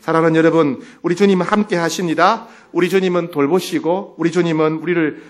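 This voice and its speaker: A male pastor with a voice on the high side preaches a sermon a little fast and with fairly even intonation. He shifts between loud exclamations and quiet, earnest asides, acting out dialogue as he retells scripture.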